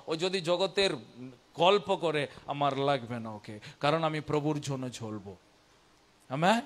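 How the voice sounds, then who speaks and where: A man's voice: high-pitched, a bit bright. A man preaching a sermon in Bengali learned as a second language, with a foreign accent, exhorting listeners with repeated phrases and rhetorical questions. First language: not Bengali, learned it as an adult language.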